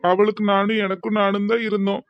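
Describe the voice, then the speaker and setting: A man's voice: high voice, level tone, fast, smooth, no room sound, dull audio, natural voice. A man voicing a frail, sick old husband who is grieving, speaking. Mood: mournful.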